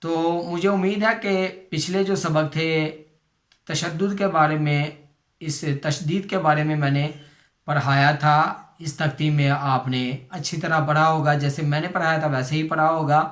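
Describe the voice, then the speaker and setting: A man with a Pakistani Urdu accent teaching children to read the Quran, slowly spelling out and repeating each syllable for his students. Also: fairly high pitch, fairly even intonation, a bit bright. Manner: addresses viewers as students. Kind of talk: slow recitation lesson for children.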